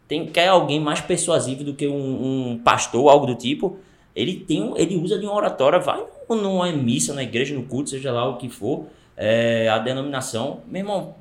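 A man with a Brazilian Portuguese accent, talking in a casual podcast chat. He speaks emphatically and animatedly, tripping over his words with fillers and restarts. The room gives his voice a noticeable echo. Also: on the high side. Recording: roomy echo.

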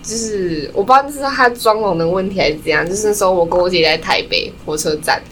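A woman's voice: lowish voice, fast, a little hiss or hum. A young woman from Taiwan in casual chat, asking questions and telling her own anecdotes. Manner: chatty, asks questions and tells anecdotes.

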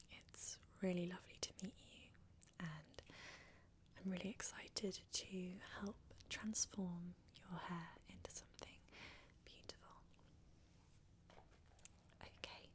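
A woman whispering softly and reassuringly as a hairdresser in an ASMR roleplay, talking close to the mic. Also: lowish voice. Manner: soft, unhurried, reassuring with many fillers. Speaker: ASMR creator playing a hairdresser.

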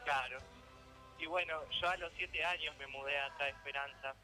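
Argentine teen dude on the radio, real high and bright, joking around, teasing his cohost. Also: fairly even intonation, normal speed, faint music behind, poor audio. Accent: Argentine Spanish. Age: teens. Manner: playful, teasing, theatrical. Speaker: radio columnist. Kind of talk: casual radio chat.

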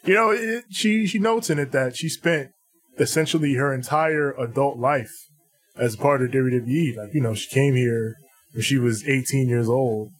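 A man with an average-pitched voice co-hosts a podcast. He talks informally, repeating himself and swearing now and then. Music sits faintly behind him. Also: moderate pace, husky. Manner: informal, profane, repeats phrases. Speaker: podcast co-host. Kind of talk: casual wrestling news chat.

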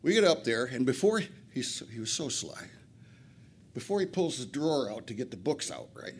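A man's voice: mid-range voice, big pitch swings, moderate pace, a little hiss or hum. An older man from Flint, Michigan, telling a profane, self-mocking recovery story at a retreat and laughing often. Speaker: recovery speaker.

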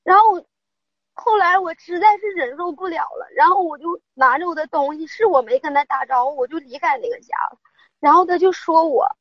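A woman's voice: very high-pitched, fairly quick, no room sound, highs cut off. A middle-aged woman, calling in to an advice show and telling her story in a rambling, upset way. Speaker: caller. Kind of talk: phone-in advice call.

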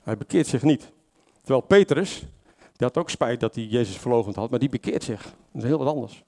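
A man's voice: mid-range voice, animated, brisk, creaky, dark tone. Man preaching an informal sermon. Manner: conversational, many fillers and self-corrections, asks the congregation questions. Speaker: lay preacher.

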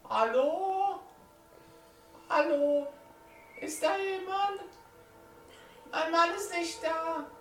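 A man's voice: extremely high pitch, drawn-out words, long pauses, faint music behind, voice pushed up, exaggerated voice. A man voicing a nervous, wary old farmer's wife in a tabletop role-play, hesitant and evasive, repeating words, with a disapproving manner. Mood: anxious calling. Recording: echoey room, distant mic, noisy.

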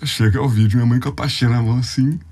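A young man from Brazil with a husky, slightly breathy voice tells a heartfelt church testimony on a podcast. He speaks casually and with slang, his emotion close to tears. His pitch sits in a mid range. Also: steady tone, very fast, a little mellow. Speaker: youth ministry leader.

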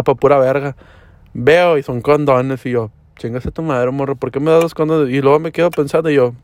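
A young Mexican man speaks casually to the camera in a vlog, his voice medium in pitch and a little mellow, recorded dry. He tells stories full of slang and swearing, slipping into English mid-sentence.

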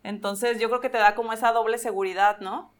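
Woman co-host, easygoing questions full of fillers, slightly high pitch. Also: steady tone, brisk. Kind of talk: casual podcast chat.

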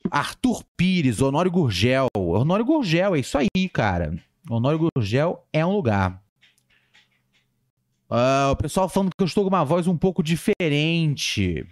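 A Brazilian man hosting a casual livestream podcast, answering his live chat with a playful, lively delivery. His pitch swings widely, and it jumps up whenever he reads out a viewer's name. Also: measured pace. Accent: Brazilian Portuguese. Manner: animated, playful, jumps in pitch when reading names.

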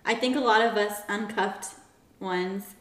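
A woman's voice: mid-range voice, a little slow, fairly bright tone. A woman co-hosting a podcast in casual chat, playful and agreeable, often echoing her co-host. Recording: echoey room.

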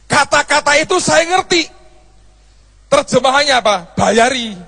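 A man's voice: very high voice, lively intonation, normal speed, vocal fry, sharp tone, long reverb tail. A man preaching a sermon as a pastor, telling a story and acting out its dialogue in changing voices.

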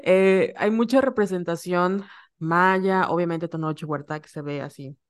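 A woman's voice: lowish voice, a little slow. A woman with a Yucatecan Spanish accent co-hosting a podcast, chatting in a playful, giggly, self-mocking way. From Yucatán, Mexico. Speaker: podcast co-host. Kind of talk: casual chat.

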